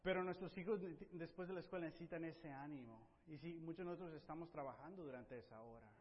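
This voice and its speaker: A middle-aged pastor preaches to his congregation in a high, lifted voice. He urges his listeners on, punctuating points with amens and softening at the ends of phrases. The recording is dull and carries the long echo of a church hall. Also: fast talker. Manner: exhorting, frequent "amén", drops to soft emphasis at phrase ends. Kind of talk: bilingual church sermon. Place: church sanctuary.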